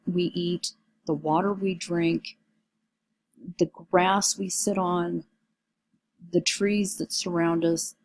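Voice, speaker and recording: A woman college instructor giving a recorded lecture in a conversational, reflective way, her voice hoarse and squeaky from a cold. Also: a little mellow, poor audio. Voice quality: squeaky, strained voice. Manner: conversational, reflective, with frequent ums.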